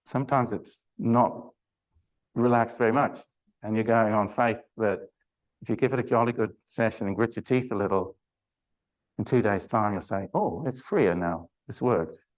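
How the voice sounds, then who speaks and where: A man's voice: fairly low pitch, fairly even intonation, moderate pace, rough recording. Older man teaching a chatty pilates class. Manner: chatty, hesitant, many fillers and restarts; groans with effort during self-massage. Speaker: Pilates instructor. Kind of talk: live online exercise class.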